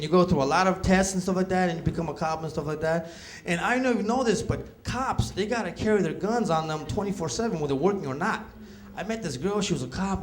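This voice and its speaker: High-voiced male stand-up comic. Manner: animated storytelling with acted quotes. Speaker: stand-up comedian. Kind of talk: stand-up comedy set. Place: comedy club stage. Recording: noisy live club recording.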